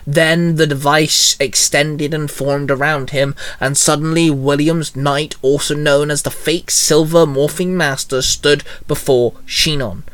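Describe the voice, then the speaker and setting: A man's voice: fairly high pitch, steady tone, unhurried, hardly any pauses, fairly bright tone, no room sound. Man narrating fan fiction, dry and close. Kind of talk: reading fan fiction aloud.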